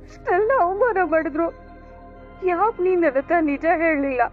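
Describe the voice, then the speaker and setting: A woman's voice: very high-pitched, expressive, normal speed. An actress playing a grieving middle-aged mother in a TV serial, speaking in anguished, lamenting speeches. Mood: bitter grief. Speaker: mother of a son accused of theft. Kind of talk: TV serial acting. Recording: tinny lo-fi TV audio with music.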